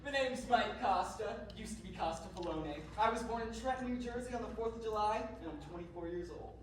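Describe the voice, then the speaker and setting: A man's voice: high-pitched, fairly quick, natural voice. A man playing an earnest young dancer in a live musical, speaking in a matter-of-fact way, recorded from afar in an echoey hall. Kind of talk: live stage musical acting. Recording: distant echoey stage recording with hall noise.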